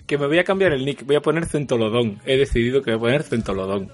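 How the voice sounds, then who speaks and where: A man's voice: medium pitch, quick pace. Ironic man with a Galician accent. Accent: Galician Spanish. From Galicia, Spain. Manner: ironic, teasing. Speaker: podcast co-host. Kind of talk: casual podcast chat.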